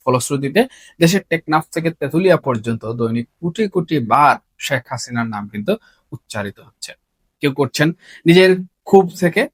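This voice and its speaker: A man, hosting a solo political commentary in an earnest, measured way and often asking rhetorical questions. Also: mid-range voice, husky, no echo. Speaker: political commentator, channel host.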